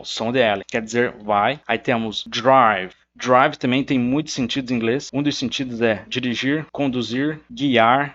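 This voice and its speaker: A man's voice: mid-range voice, a bit bright. Patient man teaching pronunciation, dull lo-fi sound. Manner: patient, repeats words slowly for pronunciation. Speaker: English teacher. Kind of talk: explaining song lyrics.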